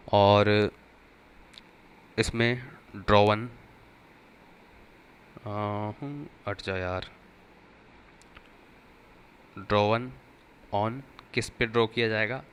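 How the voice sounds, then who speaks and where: A man's voice: lowish voice, fairly bright tone, slight background noise. A man teaching an accounting lesson for exam preparation, explaining step by step and repeating key terms. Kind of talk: exam-prep lecture.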